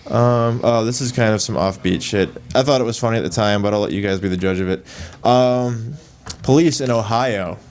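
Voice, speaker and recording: A man's voice: lowish voice, fairly quick, few pauses. A man hosting a casual radio talk show. He jokes crudely and laughs often. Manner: joking, laughs a lot, crude humor. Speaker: host.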